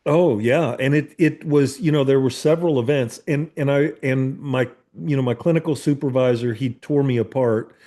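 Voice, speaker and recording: A man's voice: medium pitch, moderate pace, hardly any pauses, warm tone. A man in his fifties, a therapist hosting a podcast, chatting casually with many restarts and casual swearing. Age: 50s. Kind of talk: casual conversation.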